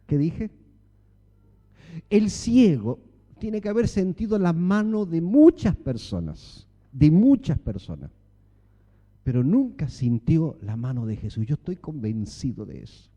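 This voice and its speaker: Preaching in a church, a pastor with an Argentine Spanish accent speaks animatedly, posing many rhetorical questions to the congregation. His pitch is fairly high and his pace a little slow.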